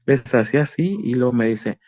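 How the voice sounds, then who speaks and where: A man's voice: medium pitch, lively intonation, fairly quick, darkish tone, no echo, clean studio sound. A man giving an emotional personal faith testimony, earnest and repetitive, calling the listener brother. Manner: earnest, repeats himself, addresses the listener as brother.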